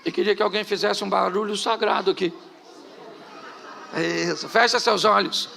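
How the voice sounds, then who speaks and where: A middle-aged Brazilian pastor from Rio de Janeiro with a Carioca accent, preaching a humorous sermon to a congregation and telling stories about himself. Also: male voice, high-pitched, steady tone, moderate pace, creaky, sharp tone, a faint crowd, a little hiss or hum. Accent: Carioca Brazilian Portuguese. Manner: humorous storytelling preacher, laughing at his own jokes. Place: church hall with a live congregation.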